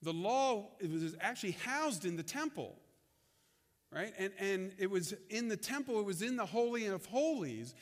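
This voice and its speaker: A man with a notably high voice delivers a sermon to his congregation. His delivery is conversational and unpolished, with frequent restarts and repeated words. The sound carries the long reverb of a large church hall. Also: big pitch swings, normal speed. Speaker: pastor.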